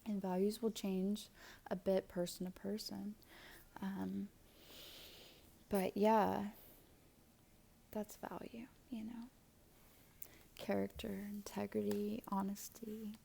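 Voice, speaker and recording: A woman talks through a tarot card reading in an easygoing, chatty way, full of fillers and little whispered asides. Her voice is dark and mellow with a gravelly fry running through it, and she takes her time. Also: mid-range voice, flat delivery, a little hiss or hum. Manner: slow, thoughtful delivery with fillers. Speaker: tarot and astrology reader. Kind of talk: casual spoken tarot reading.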